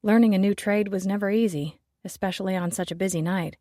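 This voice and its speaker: A woman narrating a first-person novel in a quiet, wry, understated way. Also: medium pitch, fairly even intonation, quick pace, dry recording, studio quality. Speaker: audiobook narrator.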